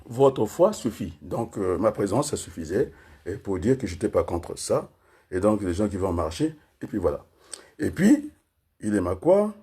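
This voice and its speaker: A man's voice: fairly low pitch, warm tone, husky. A man from Congo giving a rambling political talk, often asking listeners whether they agree and spelling words out syllable by syllable. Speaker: political speaker.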